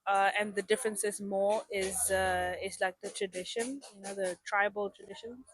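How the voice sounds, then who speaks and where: A woman's voice: mid-range voice, fairly even intonation, moderate pace, slightly rough, no room sound. A young woman, a guest raised in South Africa with English as her first language, chatting casually in an interview with many ums and restarts.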